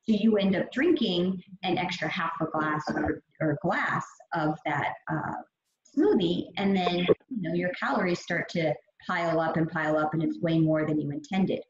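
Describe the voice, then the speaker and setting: Speaking at a normal speed in a voice on the low side, this young woman trainer chats cheerfully about meal prep over slides during a video call, using plenty of fillers. The recording from her gym or studio room sounds echoey and dull, lo-fi with faint hiss.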